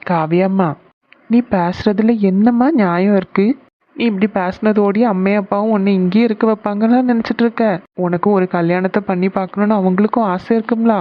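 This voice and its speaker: Woman as a gentle persuading cartoon aunt, mid pitch, dull lo-fi sound. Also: natural voice. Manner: coaxing, explaining. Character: caring middle-aged aunt bringing a match. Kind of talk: cartoon family serial voice acting.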